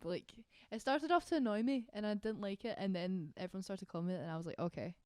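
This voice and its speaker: A young woman co-hosting a casual book podcast, chatty and giggly, telling things in an animated way. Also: medium pitch, fast talker, no echo, studio quality. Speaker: podcast co-host. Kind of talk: casual chat.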